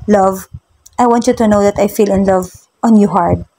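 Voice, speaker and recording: A tearful young husband pleads slowly and haltingly with his wife, as a woman reads him aloud. The voice is husky and sits at a middle pitch. It is a storybook romance told by a single reader. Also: steady tone, mellow, close to an everyday voice, low-quality recording. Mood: pleading.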